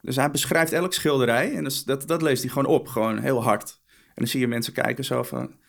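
A man's voice: medium pitch, steady tone, a little fast, gravelly, fairly bright tone. A young man interviewed for a documentary, talking hesitantly and often repeating words as he speaks of his father. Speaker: interviewee, son.

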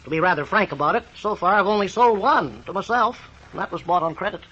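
An actor playing a glib, wordy, cheerful, broke blanket salesman in a 1940s radio comedy, with brisk, florid patter. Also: sits high, lively intonation, pushed and bright. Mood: frank, unbothered. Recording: noisy, dull 1940s radio recording.

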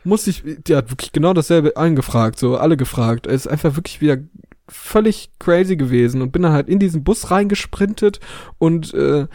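A man co-hosting a podcast, telling a story in a casual way and acting out the dialogue with lively voices. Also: on the high side, a little fast, no echo, clean studio sound. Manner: animated storyteller who acts out dialogue. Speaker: podcast co-host.

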